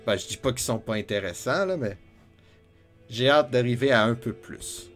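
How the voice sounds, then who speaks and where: A man with a Quebec French accent narrates his game session in a loose, joking way, chatting aloud to himself as he plays. His voice sits at an ordinary middle pitch. Soft music plays faintly behind him. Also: normal speed. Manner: joking, chatty, talks to himself while playing. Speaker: gamer. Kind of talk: let's play commentary.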